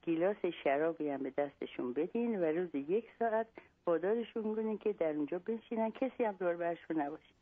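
A woman's voice: lowish voice, expressive, dry recording. A woman on a phone line voices a self-assured male psychologist who lectures at length and lays out odd instructions step by step. The line is thin and dry, with no room around the voice. She keeps close to her own everyday voice. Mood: instructive. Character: Iranian male psychologist, confident and long-winded.

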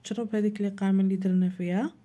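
Talking rapid-fire in a warm, level, medium-pitched voice, a Moroccan Arabic-accented woman narrates a cooking tutorial for her channel. She lays out the recipe step by step, plain and instructive, addressing viewers directly.

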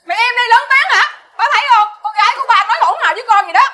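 Brief: tearful, defiant Southern Vietnamese daughter-in-law, very high and bright voice. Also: female voice, rapid-fire. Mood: aggrieved. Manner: pleading, emotional.

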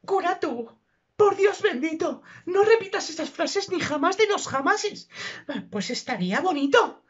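A woman's voice: very high voice, very animated, unhurried, heavily acted. A woman voicing a lovesick young noble daughter who exclaims melodramatically, in a dull, muffled recording. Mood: melodramatic love.

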